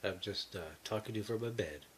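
A man talking from his bed through a breathing mask, his voice nasal and muffled, halting with many fillers. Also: on the low side, slight background noise. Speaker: vlogger. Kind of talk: casual talk to camera. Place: bedroom, lying in bed.

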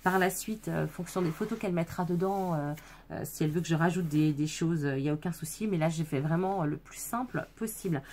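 Talking fairly quickly in a low, darkish voice, a woman chats straight to her viewers as she presents a handmade scrapbook album. Her speech has many fillers and self-corrections, and a little hiss or hum sits in the recording.

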